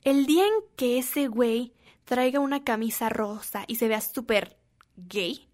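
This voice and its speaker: A woman's voice: fairly high pitch, measured pace, a little mellow. Chatty young Mexican woman vlogger. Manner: chatty, playful and encouraging, slangy. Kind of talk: casual self-help talk to camera.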